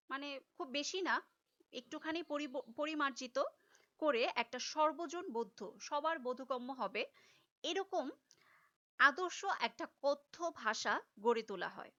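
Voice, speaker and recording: A woman's voice: sits high, bright, forceful tone, highs cut off. A woman teacher giving a recorded class lecture, explaining step by step and repeating key terms.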